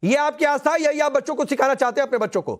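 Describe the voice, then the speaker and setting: A man's voice: very high-pitched, racing. A man anchoring a heated TV news debate, pressing a guest and repeatedly cutting in to keep order.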